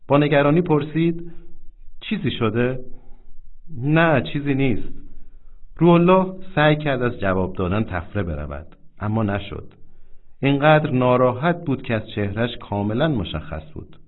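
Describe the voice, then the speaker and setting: Solemn male audiobook narrator, lively intonation, phone-quality sound. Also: mid-range voice. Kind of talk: audiobook reading.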